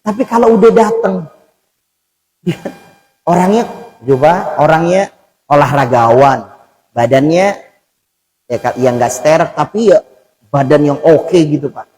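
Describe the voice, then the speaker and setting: A man preaches in a mosque, his voice sitting a little high. He talks to the congregation like a neighbor, dropping into soft asides and then rising into loud, emphatic bursts. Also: animated, a little slow, long pauses, poor audio. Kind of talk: mosque sermon.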